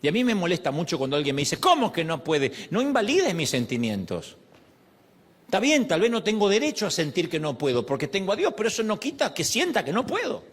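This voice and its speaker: A man's voice: sits high, wildly swooping pitch, fast talker, husky. A middle-aged man preaching a sermon, acting out prayers and quoted voices. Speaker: pastor.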